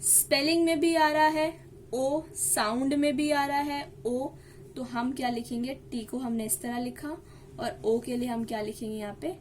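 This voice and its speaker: A woman's voice: sits high, steady tone, measured pace, a little hiss or hum. A woman teaching a shorthand lesson step by step, asking the class questions and answering them herself, with English terms mixed into her Hindi.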